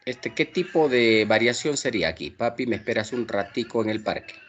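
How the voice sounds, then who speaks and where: A man teaching an online language class, possibly with a Peruvian accent, moving quickly through exercises and checking in with his students. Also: mid-range voice, lo-fi sound, faint music behind. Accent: Peruvian Spanish. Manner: brisk, checks understanding with frequent tag questions.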